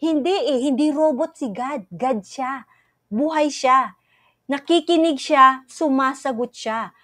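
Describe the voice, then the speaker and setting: A woman with a high, bright voice shares a personal testimony sermon in an earnest, pleading way, acting out her own prayers. The sound is close and dry, with no room around it. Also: slow pace, no echo. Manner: earnest, prays aloud in quoted pleas. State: tearful at moments. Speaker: preacher.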